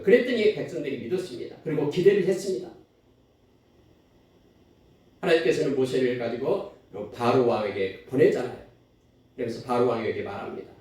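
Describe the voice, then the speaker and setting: A man's voice: on the high side, a little mellow. A male pastor preaching a sermon, telling the story with animation and acting out the quotes. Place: church sanctuary. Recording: echoey church hall, distant mic.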